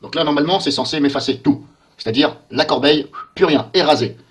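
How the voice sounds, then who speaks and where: Puzzled man muttering through a software demo. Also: a little high, fairly quick. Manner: muttering, puzzled thinking aloud. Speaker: software tester. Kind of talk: screen-recorded software walkthrough.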